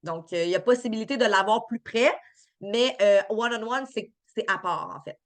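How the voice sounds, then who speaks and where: A woman's voice: medium pitch, moderate pace. A woman with a Québécois French accent, chatty and upbeat, answering viewers' chat questions on a live stream with lots of fillers and restarts.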